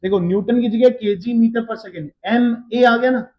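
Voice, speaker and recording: A man teaching a physics lecture, working slowly through the steps and often checking that his students follow. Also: very high voice, dull audio. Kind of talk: classroom lecture.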